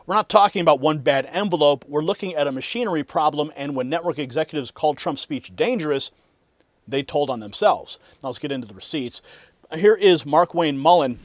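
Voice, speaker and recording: A man with a fairly high voice presents scripted political commentary as a host. His delivery is emphatic and alarmist, and the sound is dry and close. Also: dry recording.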